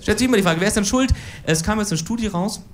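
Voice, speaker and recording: Performing political cabaret on stage for a live audience, this woman in her forties talks at a quick pace. Her mid-range voice carries a dry, ironic delivery.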